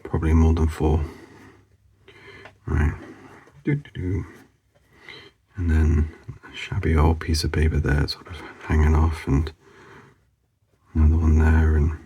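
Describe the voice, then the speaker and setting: A man's voice: rumbling low, completely flat delivery, a little slow, long pauses, dark tone, breathy edge. A man hosting a drawing channel, mumbling casual commentary to himself as he sketches, rambling with lots of fillers.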